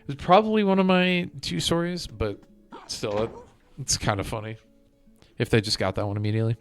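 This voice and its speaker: Over background music, a male game streamer chats casually while playing, thinking aloud in rambling commentary to his viewers. He has a mid-range voice and speaks a little fast.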